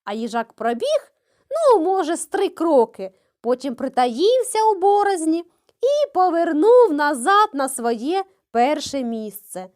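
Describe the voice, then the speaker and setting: A woman's voice: high-pitched, measured pace. A kindergarten teacher, a woman, reading a fairy tale expressively to preschool children. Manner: expressive, animated storytelling.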